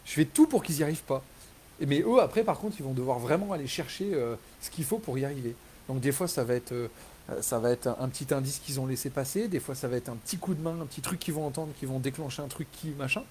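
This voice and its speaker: Enthusiastic French man, dark mellow voice. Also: medium pitch, fast, a little hiss or hum, rough recording. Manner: rambling, enthusiastic, many fillers and restarts; animated when retelling scenes. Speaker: author hosting a live reader Q&A. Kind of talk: casual live chat.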